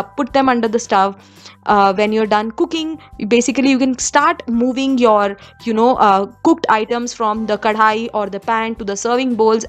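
A young woman from India giving kitchen cleaning tips in a conversational voice-over, with frequent fillers and restarts. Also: on the high side. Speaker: home vlogger.

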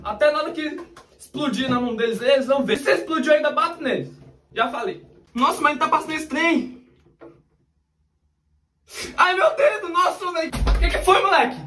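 Man in a comedy skit, very high voice, grumbling and fed up, roomy echo from a distance. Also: fairly bright tone. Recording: echoey room from far off.

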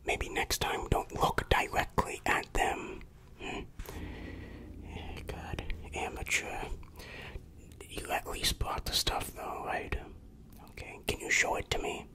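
Here a performer in ASMR style whispers breathily as a bossy dealer operating in secret underground. The roleplay unfolds slowly and quietly, returning to the same phrases repeatedly.

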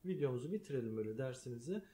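A man giving a slow, patient piano lesson, calling out note names as he plays. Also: medium pitch, lively intonation, mellow. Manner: calls out note names while playing, explains patiently. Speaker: piano teacher. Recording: piano music under the voice. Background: piano playing.

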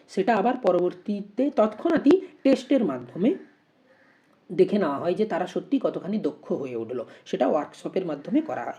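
Woman teacher, warm and mellow tone, methodical explainer who asks rhetorical questions before each answer. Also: mid-range voice. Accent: Bengali. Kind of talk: exam-prep lesson.

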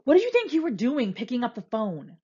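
A woman's voice: on the low side, lively intonation, normal speed, a little mellow, husky, highs cut off. A woman reading aloud, voicing a bossy male robber leader who barks orders. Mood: harsh.

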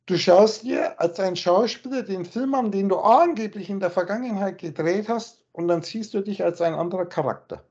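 On a video call, a man explains spiritual texts in a rambling, circling way, repeating words and slowing down to stress single ones. His voice sits high, with a darkish tone and slight roughness, and the call audio is muffled.

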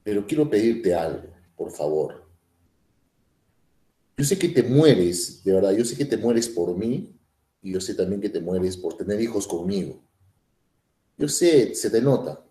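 Cocky little macho worm guy done by a man, bossy and smug, mellow voice in an echoey room. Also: on the low side. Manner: boastful, domineering, smug. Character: small bossy macho male pinworm.

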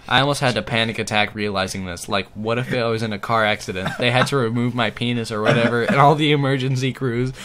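A man's voice: medium pitch, fairly even intonation, fast talker, hardly any pauses, fairly bright tone, a little hiss or hum. A man hosting a gaming video on a headset mic, reading funny stories aloud and often cracking up mid-read.

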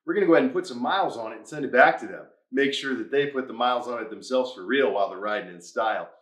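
A man's voice: medium pitch, very fast, fairly bright tone, roomy sound. A man hosting a hands-on craft tutorial, who talks upbeat through each step. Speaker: host.

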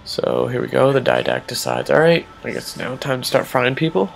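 A man's voice: mid-range voice, moderate pace, gravelly, background noise. Nasal young man explaining gameplay. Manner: relaxed, explanatory, frequent ums. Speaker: speedrunner. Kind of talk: casual gameplay commentary.

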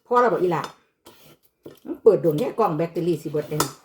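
Here the voice is fairly low and darkish, expressive and fast. It belongs to a vlogger mother with an Isan (Northeastern Thai) accent, casually chatting as she cooks in her home kitchen and blending Isan with Thai when talking to her child.

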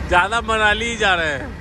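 A middle-aged man chatting casually as he films a travel vlog on a phone at arm's length. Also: high voice. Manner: chatty, narrating on the move. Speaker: vlogger. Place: bus, roadside dhaba and highway halt, outdoors at night and dawn. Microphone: phone held at arm's length. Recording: noisy outdoor traffic.

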